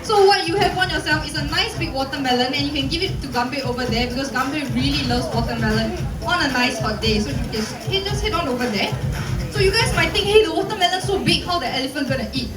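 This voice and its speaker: High, cheery Singaporean woman zookeeper. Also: lively intonation, quick pace, recorded from a distance. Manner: cheery, playful, coaxing the audience. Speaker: zookeeper presenting a keeper talk. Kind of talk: live educational show presentation to an audience. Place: open-air covered viewing stand at zoo. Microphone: handheld PA mic, filmed from audience. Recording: echoey PA speakers, recorded from afar, music behind.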